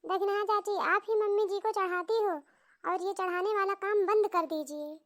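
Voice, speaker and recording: A woman's voice: very high voice, steady tone, moderate pace. Woman voicing a cheeky young cartoon bride. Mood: defiant. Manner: plain standard speech, pert and cheeky. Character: young modern bride, defiant. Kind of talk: cartoon comedy voice acting.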